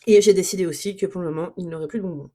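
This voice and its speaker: A woman's voice: lowish voice, rapid-fire, dark tone. A woman recording a candid solo monologue about her pony, speaking frankly and from the heart, often repeating herself as she works through her feelings. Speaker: pony owner recording a podcast episode. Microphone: self-recorded.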